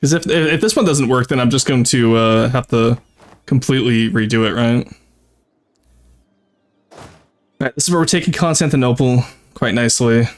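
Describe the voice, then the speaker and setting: A man's voice: mid-range voice, moderate pace, long pauses. Man casually commentating a strategy game stream. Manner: thinks aloud, addresses chat. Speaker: streamer, VTuber.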